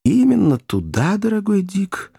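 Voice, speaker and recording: A man voicing a calm, learned male doctor who speaks in a soothing, reassuring way. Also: sits high, measured pace, creaky, breathy edge, dry recording, clean studio sound, voice pushed up, exaggerated voice.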